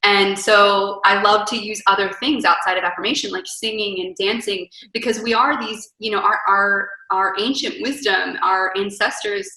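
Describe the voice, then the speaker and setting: A woman's voice: mid-range voice, steady tone, moderate pace, hardly any pauses, bright, forceful tone, echoey room, rough recording. A young adult woman, a wellness coach, talking earnestly and emphatically in a casual interview, often in lists. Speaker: wellness coach, podcast guest.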